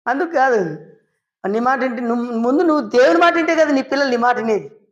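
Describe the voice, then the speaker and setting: A woman preaches with a fairly high voice. She tells stories and keeps asking questions and answering them herself. She briefly acts out the people in her stories. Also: fast talker, lo-fi sound. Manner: lively, asks and answers her own questions. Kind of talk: storytelling sermon.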